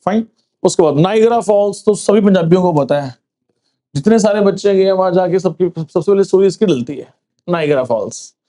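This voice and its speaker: A male teacher quizzing a class for exams, repeating answers and slowing down to read English facts. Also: high-pitched, animated, mellow. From Punjab, India. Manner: quizzing, asks then answers with "sir", slows for reading English facts. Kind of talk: classroom exam-prep lecture.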